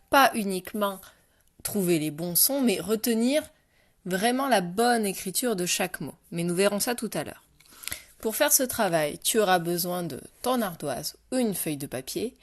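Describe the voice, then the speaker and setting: A woman teacher giving a dictation lesson to young children, speaking clearly and patiently and addressing the child directly. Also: mid-range voice. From France. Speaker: primary school teacher.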